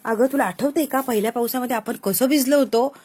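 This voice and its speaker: A woman voicing an affectionate, teasing young husband, dropping her voice a little lower for him. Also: quick pace, darkish tone, breathy edge. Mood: tender. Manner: playful, romantic teasing.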